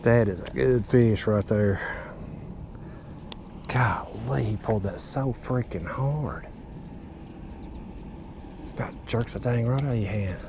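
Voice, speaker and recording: A man's voice: mid-range voice, takes it slowly, gravelly, long pauses. A young man with a Kentucky accent, talking to himself and his viewers while fishing from a pond bank, recorded on a head-mounted camera. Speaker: fishing vlogger. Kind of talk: casual running commentary. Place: outdoors at a grassy pond bank. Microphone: head-mounted action camera. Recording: outdoor wind noise.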